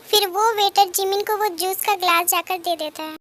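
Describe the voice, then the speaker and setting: A woman's voice: very high-pitched, steady tone, moderate pace, fairly bright tone. A woman narrating a fan-dubbed love story in a plain storytelling manner. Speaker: narrator and voice actor.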